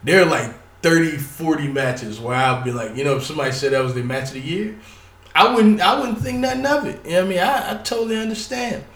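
A man's voice: on the high side, fast, a bit bright. A man talks loosely and at length, cursing freely and stumbling over his words. He sits some way off from the mic, so his voice sounds distant. The room around him is echoey. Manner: profane, rambling, stuttering, filler-heavy. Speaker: wrestling commentator. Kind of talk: casual solo talk.

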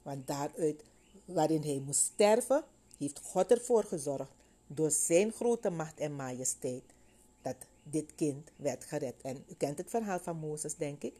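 Warm, husky-voiced woman preaching. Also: deep voice, a little slow. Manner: animated storytelling, acting out voices of biblical figures. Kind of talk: sermon with Bible reading and retelling.

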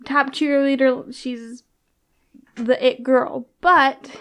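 A woman with a high voice chats casually in an office. Her talk is loose and teasing, padded with "like" and "um". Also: fairly even intonation, takes it slowly, a bit bright, smooth. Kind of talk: casual chat.

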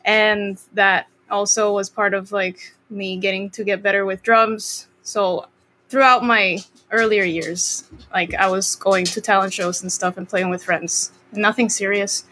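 A young Costa Rican woman, a guest drummer, chats casually in an interview, laid back and rambling with plenty of ums, fillers and restarts. Her voice is medium-pitched and a little slow, with a bit of hiss or hum in the audio.

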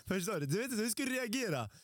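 A man's voice: sits high, no echo, clean studio sound. A man hosting a podcast interview, casual and joking, raised in Sweden, talking in slang. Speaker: podcast host.

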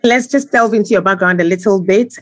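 A woman's voice: mid-range voice, brisk. A woman who hosts a podcast and works as a journalist, giving a scripted introduction and then asking questions with short affirming interjections.

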